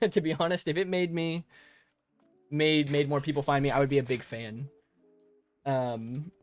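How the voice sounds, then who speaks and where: This is a live streamer answering chat, a young adult man whose voice sits a little high. He talks casually with viewers as he plays, rambling in a friendly way with frequent laughs and restarts, picked up by a modest home mic.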